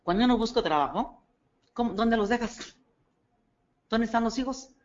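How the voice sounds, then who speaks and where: A woman with a Mexican Spanish accent gives a motivational talk, her voice sitting a little high. She tells stories with animation, acting out the dialogue and checking that her listeners agree. The recording is dull and lo-fi. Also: expressive, normal speed. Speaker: network marketing speaker.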